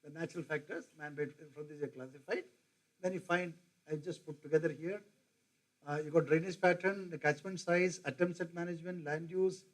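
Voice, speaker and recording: Briskly and with fairly level intonation, an older man with an Indian English accent, a professor, lectures to teachers in a rather high voice. The low-quality recording catches him rambling and often turning questions on his audience.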